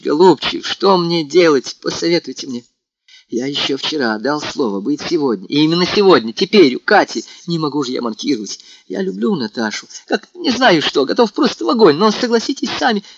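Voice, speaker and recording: A naive, excitable young man, read by a male narrator, pleads for help with eager, rising lines. His pitch leaps about with feeling. The audio is dry and slightly muffled. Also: normal speed, no echo. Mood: fretful pleading. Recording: dull, lo-fi sound.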